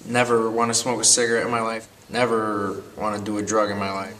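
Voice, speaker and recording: A man in his twenties from Connecticut, recalling his youth in a measured, unhurried way for a documentary. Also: fairly low pitch, completely flat delivery, a bit bright, far from the mic, a little hiss or hum. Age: 20s. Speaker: interviewee. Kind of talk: documentary testimony.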